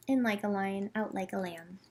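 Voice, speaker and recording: There's background noise as a woman with a mid-range voice hosts storytime at a library, taking her time. She addresses the children directly, reading and chatting in simple, expressive phrases.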